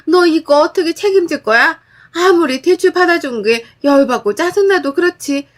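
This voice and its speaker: A woman voicing a shrill, scolding older mother-in-law in a storytelling video. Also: expressive, normal speed.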